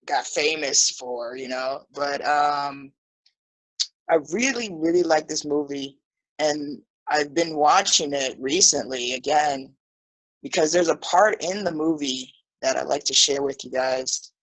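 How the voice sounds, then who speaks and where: A Brazilian woman in her thirties who teaches English chats casually about a comedy film on a video call, telling the story in a relaxed livestream style. Her low voice moves a little slowly, full of "you know", and the audio is poor.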